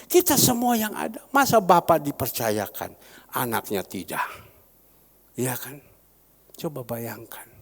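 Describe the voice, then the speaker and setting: A man preaching as a pastor, repeating phrases fervently and rising to sudden loud peaks. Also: mid-range voice, very animated, a little slow, pauses often. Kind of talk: sermon. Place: large church hall. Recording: long church-hall reverb.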